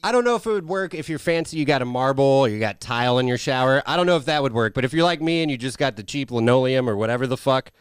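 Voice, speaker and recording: A man's voice: mid-range voice, lively intonation, fast, few pauses, clean tone, no room sound, studio quality. A man co-hosting a podcast in casual chat, crude and laughing, swearing freely. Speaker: podcast co-host.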